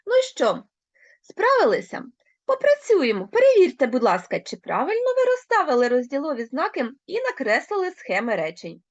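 A woman teacher with a Ukrainian accent explains a grammar lesson, speaking clearly and addressing her pupils directly. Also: high voice, wildly swooping pitch, normal speed, no echo, lo-fi sound. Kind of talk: recorded online lesson.

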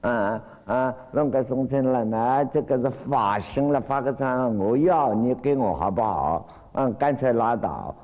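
A man teaching as a Buddhist lecturer, retelling a Zen story with lively acted-out cries and frequent drawn-out fillers. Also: mid-range voice, lo-fi sound. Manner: animated storytelling, acts out quoted cries. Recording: long hall reverb.

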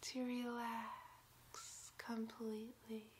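Woman acting gentle female clown ringleader, whispered ASMR role-play, extremely slow, soothing, protective, breathy, faint hiss of background noise. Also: on the high side, little pitch movement. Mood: soothing, hypnotic. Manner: soothing, hypnotic, drawn-out phrases. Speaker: ASMR performer. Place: indoors against a plain wall, close to the camera.

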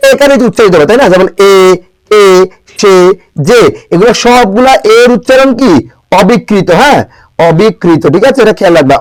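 A young male teacher from Bangladesh runs an exam-prep grammar lesson in a fairly high voice. He keeps asking his students questions and answers them himself. He says each example word slowly, more than once. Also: no room sound, low-quality recording. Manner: drills pronunciation with constant rhetorical questions; repeats words slowly for emphasis.

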